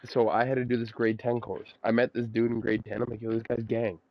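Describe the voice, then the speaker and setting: Gravelly young man telling rambling stories. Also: mid-range voice, little pitch movement, fast. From Ontario, Canada. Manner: rambling, profane, restarts stories often. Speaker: gamer chatting with a friend. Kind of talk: casual gaming chat, storytelling. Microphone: phone mic. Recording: dull lo-fi voice chat.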